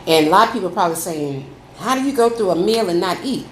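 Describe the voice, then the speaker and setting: Low-pitched woman chatting in an echoey room. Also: animated, quick pace. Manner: folksy, addresses listeners as y'all. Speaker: food vlogger. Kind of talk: casual chatty mukbang, talking to viewers while eating. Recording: echoey room, faint background noise.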